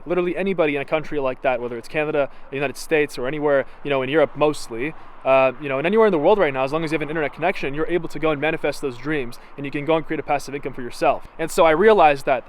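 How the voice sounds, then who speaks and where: A young man from Latvia giving a motivational vlog, walking through his new house as he talks, with lots of fillers and repeated phrases. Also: on the high side. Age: young adult. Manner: energetic, repetitive, filler-heavy pep talk. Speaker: entrepreneur vlogger.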